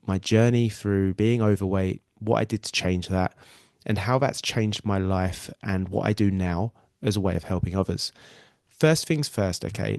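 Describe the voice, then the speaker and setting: An English weight loss coach and podcast host, nasal from a cold, runs a live webinar in an earnest, reassuring manner, often repeating himself. His voice is lowish, creaky and darkish, recorded in studio quality with no room sound.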